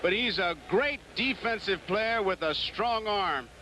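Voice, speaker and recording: High bright guy hosting a ballgame broadcast, chatty commentary, bit of noise. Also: lively intonation, unhurried. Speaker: baseball broadcast host. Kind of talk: conversational sports commentary.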